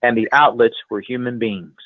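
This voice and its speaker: This man speaks at a medium pitch with fairly even intonation and a moderate pace, with no echo. He's a sales trainer and guest speaker giving motivational coaching on a conference call, emphatic and fond of repeating phrases for effect. A telephone carries his voice over a tinny, band-limited line.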